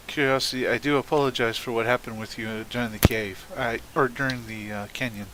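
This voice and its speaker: A man's voice: mid-range voice, fairly even intonation, brisk. Polite formal man over a noisy mic. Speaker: tabletop game player. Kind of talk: in-character role-play discussion.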